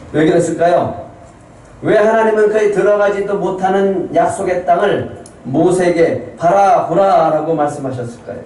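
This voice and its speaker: A man's voice: sits high, a little mellow, slight background noise. Male pastor preaching in an echoey hall. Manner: asks the congregation many rhetorical questions. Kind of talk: Sunday sermon. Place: church sanctuary. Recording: very echoey church hall, mic at a distance.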